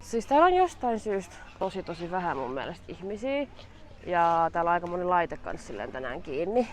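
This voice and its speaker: A young woman from Finland chatting casually in a travel vlog outdoors at an amusement park, excitable and slangy, mixing in English words, recorded on a handheld camera. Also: fairly low pitch. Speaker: travel vlogger.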